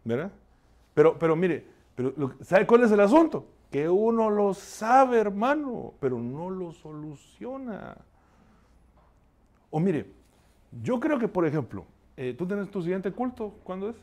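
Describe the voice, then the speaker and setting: Brief: a man preaching, pastor type, slightly high voice, talks straight to the congregation and keeps asking for a response. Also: sing-song, a little slow, darkish tone. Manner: conversational preaching, constantly addressing listeners and asking for responses; confessional, shares his own failings. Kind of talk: sermon.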